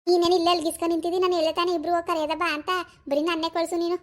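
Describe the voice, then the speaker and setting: A woman plays a fretful older village mother in a cartoon. She chatters quickly, sighing and fussing. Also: very high voice, little pitch movement. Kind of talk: animated cartoon voice acting.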